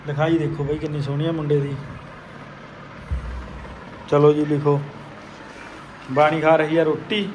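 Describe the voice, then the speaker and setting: A woman's voice: low-pitched, level tone, a little slow, long pauses, a little mellow, a little hiss or hum, poor audio. A woman with a Punjabi accent, filming a casual family vlog and coaxing and teasing her children with questions.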